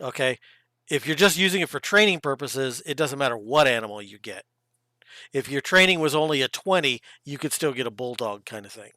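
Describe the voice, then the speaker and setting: A man's voice: mid-range voice, expressive, brisk, sharp tone, no echo, studio quality. A man running a tabletop game as game master, laid-back and swearing casually.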